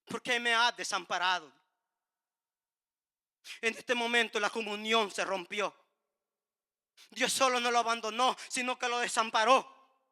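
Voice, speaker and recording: A man preaching a fervent sermon in a very high, piercingly bright voice. He hammers points home through repetition and rising emphasis. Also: steady tone, a little slow, pauses often, clean tone.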